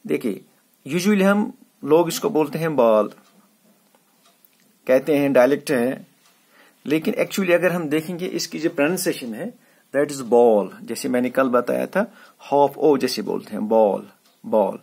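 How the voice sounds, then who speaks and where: A man giving a classroom lecture on letter sounds, explaining slowly and repeating words for emphasis. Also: fairly high pitch, vocal fry, darkish tone, breathy edge. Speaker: English teacher. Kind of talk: classroom lecture mixing Hindi and English.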